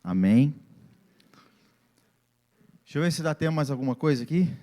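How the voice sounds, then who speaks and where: Animated pastor preaching. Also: male voice, a little high, normal speed. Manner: animated, acts out family scenes in different voices. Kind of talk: sermon.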